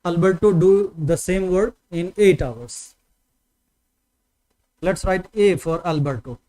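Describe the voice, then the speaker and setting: Slow, high-pitched Indian maths teacher. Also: male voice, mellow, poor audio. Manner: patient, repetitive explaining with check-in questions. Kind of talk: online maths lesson.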